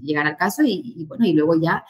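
A middle-aged woman, chatting as an interview guest about handling clients, lively and full of fillers. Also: low-pitched, fast, poor audio. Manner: lively, warm storytelling with many fillers. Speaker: guest, real estate agent. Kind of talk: casual interview chat.

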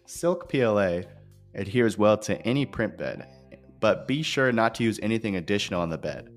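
A man's voice: fairly low pitch, expressive, normal speed. A man hosting an informal scripted podcast, explaining things directly to listeners, his voice echoing in a bare, unfurnished office. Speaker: podcast host. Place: new empty office without furniture. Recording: echoey empty office, music behind.

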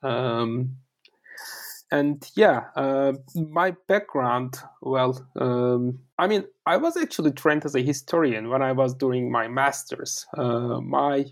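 A Turkish guest author with a Turkish accent speaks on an interview podcast, rambling with lots of fillers and repeated words. His voice is medium-pitched and slow.

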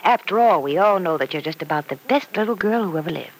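An actress playing a kindly, reassuring aunt, gentle and indulgent, in an old-time radio soap. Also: female voice, fairly low pitch, expressive, fast. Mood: fond, indulgent. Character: kindly, reassuring aunt fond of a little girl. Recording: noisy vintage radio recording.

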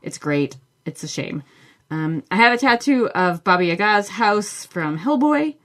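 Answering listener questions on her book podcast, a woman talks a little slowly in an expressive mid-range voice with a fairly bright tone. Her solo chat is casual and enthusiastic, sprinkled with fillers.

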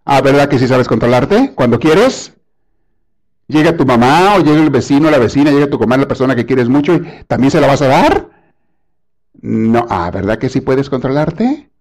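A man's voice: medium pitch, lively intonation, moderate pace, darkish tone. A man preaching a sermon in an emphatic, scolding way, full of rhetorical questions.

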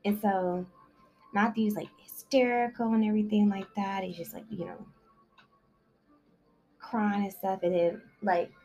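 A woman's voice: medium pitch, steady tone, a little slow, long pauses, warm tone, faint music behind. A woman casually retelling a novel's plot, rambling along with constant fillers like "like" and "you know". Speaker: book summary vlogger. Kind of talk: casual story recap.

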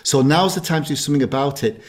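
A man's voice: on the high side, fast. A middle-aged man, co-hosting a podcast and telling stories with frequent laughs. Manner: chatty storyteller, laughs often. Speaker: podcast co-host. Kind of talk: casual chat.

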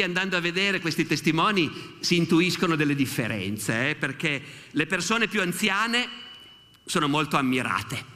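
A man in his sixties from Italy giving a public history lecture at a festival, telling the story in a lively way and quoting witnesses with animated asides. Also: high voice. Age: 60s. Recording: long hall reverb.

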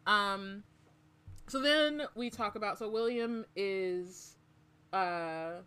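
A woman's voice: medium pitch, slow, pushed and bright, clear, resonant tone. A woman co-hosting a book podcast, chatting casually and summarizing chapters with frequent fillers. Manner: chatty, lots of "like" and "um", laughs often. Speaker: podcast co-host.

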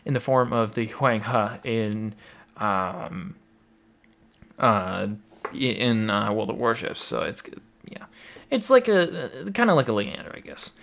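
A man's voice: medium pitch, animated, measured pace, creaky, fairly bright tone. A man casually narrating naval history, with lots of fillers, restarts and wry asides. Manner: rambling, many fillers and asides, wry humor.

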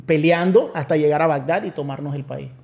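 A man's voice: a little high, fairly quick, gravelly, a little mellow. A man in his forties, a pastor invited as guest, affirming often and recounting events at length in a casual interview.

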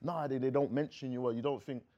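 A man's voice: medium pitch, fairly even intonation, quick pace, warm tone, lo-fi sound. A man with a London roadman accent, chatting casually in thick street slang. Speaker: rapper. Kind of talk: casual chat.

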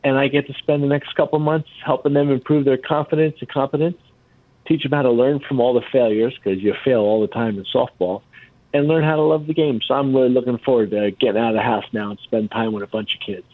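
A man's voice: medium pitch, fast, no echo. A man from the United States chatting casually as a caller to a radio call-in show over the phone. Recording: tinny, dry phone line.

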